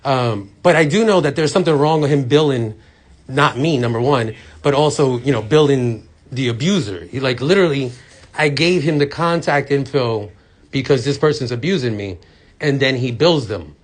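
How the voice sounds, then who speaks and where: A man's voice: mid-range voice, normal speed. A man at a medical office reception, earnestly explaining his complaint to staff with many ums and restarts. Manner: earnest and insistent. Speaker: patient confronting office staff. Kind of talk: tense in-person complaint.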